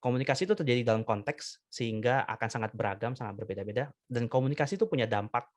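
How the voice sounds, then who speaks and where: A man in his thirties, a lecturer and doctoral student, explaining ideas in a measured, lecturing way with many fillers. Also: medium pitch, no echo. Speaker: guest, communication lecturer and PhD candidate. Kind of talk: explanatory interview talk.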